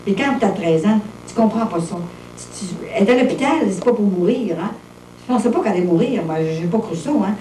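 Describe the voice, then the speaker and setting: A woman's voice: medium pitch, animated, a little fast, warm tone, a little hiss or hum. A Québécois woman in her fifties, giving a plain-spoken personal testimony full of little fillers. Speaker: testimony speaker. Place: monastery room with visitors. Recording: roomy echo, distant mic, faint ambience.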